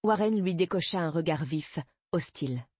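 A woman's voice: fairly low pitch, lively intonation, normal speed, darkish tone, breathy edge, dry recording. A woman reading a first-person audiobook, tense and defensive in the dialogue passages. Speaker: audiobook narrator.

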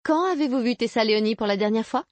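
A woman's voice: fairly high pitch, expressive, fast talker, no echo, pitched above the performer's own voice, lightly acted. A woman voicing a blunt, skeptical woman investigator who asks dry, curt questions in an audiobook. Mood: pressing.

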